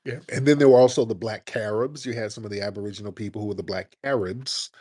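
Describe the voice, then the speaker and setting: A man's voice: fairly low pitch, steady tone, fast talker, a little mellow, dry recording, studio quality. A man hosting a casual audio chat room, making his point insistently with rhetorical questions. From United States.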